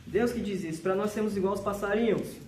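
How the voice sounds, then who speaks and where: High-voiced Brazilian preacher in echoey hall. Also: male voice, a little mellow. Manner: emphatic, repeats verse references slowly. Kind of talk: sermon. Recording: echoey hall with faint noise.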